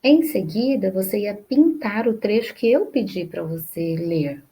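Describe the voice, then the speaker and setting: A woman's voice: medium pitch, animated, measured pace, dark tone, poor audio. A woman teacher explaining class activities step by step, often checking in with "tá bom?" and "né?". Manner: explains step by step, repeating phrases. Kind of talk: remote class lesson.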